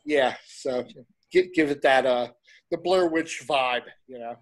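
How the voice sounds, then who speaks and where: A middle-aged man chatting casually as an interview guest, rambling a little and pausing as he goes. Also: medium pitch. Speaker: interview guest, horror host and film reviewer.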